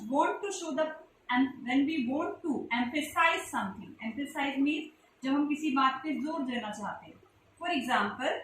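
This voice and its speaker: A woman's voice: high voice, fairly bright tone, slight background noise. A woman teacher with an Indian English accent, explaining grammar step by step to pupils in a classroom and spelling out letters. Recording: echoey room recorded from a distance.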